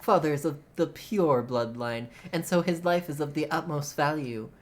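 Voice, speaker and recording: A woman's voice: sits low, moderate pace. A woman voicing a proud, formal noble bird boy. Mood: brooding. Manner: formal, stiff aristocratic diction. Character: earnest, proud young male noble bird. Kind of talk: reading visual novel dialogue aloud. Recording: faint music behind.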